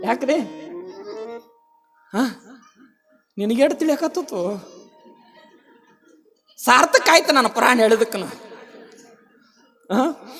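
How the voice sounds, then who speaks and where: A man with a North Karnataka Kannada accent preaching a devotional sermon on a temple stage, singing verse lines slowly and explaining them in lively colloquial asides. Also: extremely high pitch, soft background music.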